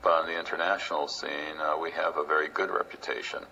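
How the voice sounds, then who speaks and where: A man's voice: rumbling low, fairly even intonation, fast talker, gravelly, sharp tone, dull audio, slight background noise. A man speaking in an interview as a festival representative. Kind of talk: interview remarks.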